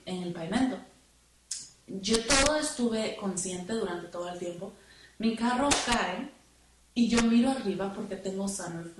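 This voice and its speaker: A woman telling her testimony in church, halting and repeating words as she remembers. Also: medium pitch. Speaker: church member giving testimony. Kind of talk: spoken testimony. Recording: echoey room, far from the mic, noisy.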